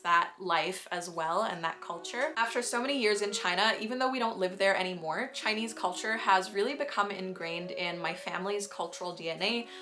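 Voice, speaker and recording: A woman's voice: mid-range voice, a little fast, few pauses, bright, forceful tone. Upbeat young woman narrating a cooking vlog. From Romania. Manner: chatty, upbeat, explanatory. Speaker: vlogger.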